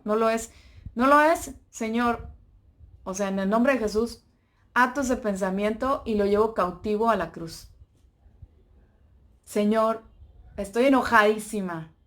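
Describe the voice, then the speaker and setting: A woman giving an informal devotional talk to a youth group, lively and playful, acting out little voices as she goes. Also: medium pitch.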